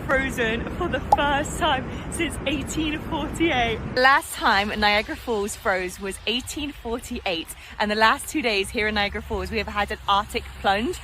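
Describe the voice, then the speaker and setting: A woman filming an excited vlog outdoors in the freezing cold, talking into her phone and exclaiming in awe. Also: a little high. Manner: awestruck, exclaiming. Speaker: vlogger. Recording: outdoor phone audio with wind and traffic.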